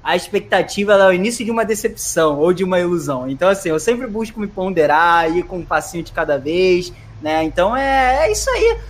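A man in a casual podcast chat, explaining his points in a measured, deliberate way. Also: high voice, very animated, a little hiss or hum. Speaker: podcast guest commentator.

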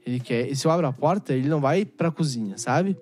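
A man's voice: medium pitch, expressive, quick pace, darkish tone, faint music behind. A young man, hosting a podcast and telling stories in laid-back, slangy casual chat. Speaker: podcast host.

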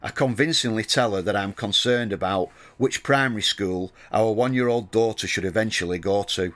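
A man in his thirties narrating a wry, deadpan personal story. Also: lowish voice, normal speed. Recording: music playing under the voice.

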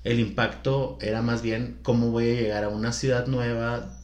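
A man's voice: mid-range voice, flat delivery, normal speed, a little mellow. Man, co-host, easygoing explainer in a roomy echo. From Culiacán, Mexico. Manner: chatty, explanatory, laughs easily. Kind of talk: casual chat.

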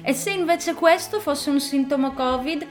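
Woman doing a high, fretful little girl. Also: moderate pace, faint music behind, lightly acted. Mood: worried. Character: little girl, anxious and rule-minded.

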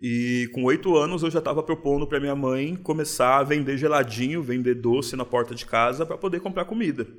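A man's voice: medium pitch, a little fast, hardly any pauses. Paulistano guy chatting as a guest, laid back, reflective, says mano a lot. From São Paulo, Brazil. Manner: relaxed, reflective, uses street slang. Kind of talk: casual interview.

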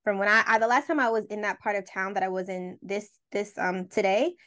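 A woman's voice: mid-range voice, fairly even intonation, brisk, fairly bright tone. A young woman talks casually as a podcast co-host. Her delivery is chatty and conversational, with plenty of "like" and "you know" threaded through it. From Queens, New York. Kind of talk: casual chat.

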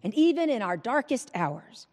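A woman preacher giving an Easter Vigil sermon into a pulpit microphone, in a measured, rhythmic style with repeated refrains. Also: a little high, big pitch swings, a little mellow. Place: large church. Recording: long church reverb.

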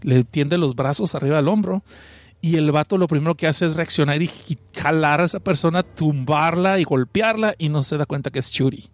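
A man with a Mexican accent retelling a story in casual, profane commentary, animated and full of slang. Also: fairly high pitch, moderate pace, no room sound. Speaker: anime and manga reviewer.

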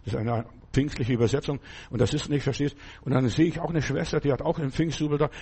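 Husky-voiced man preaching conversationally. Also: medium pitch, steady tone, quick pace, dark tone. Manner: conversational preaching with frequent asides to the listener. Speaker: pastor. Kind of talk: sermon.

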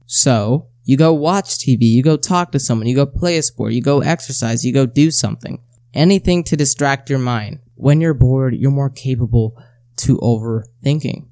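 A man's voice: medium pitch, moderate pace, dark tone, no echo. Dry-sounding man giving conversational self-help advice. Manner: repeats key phrases and asks rhetorical questions. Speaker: host of a self-help episode.

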